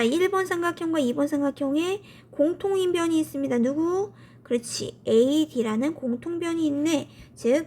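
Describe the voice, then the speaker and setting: A woman teaching a math lesson in a colloquial, upbeat way, asking questions and answering them herself. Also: sits high. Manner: colloquial, upbeat, often starts with "so". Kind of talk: classroom math lecture.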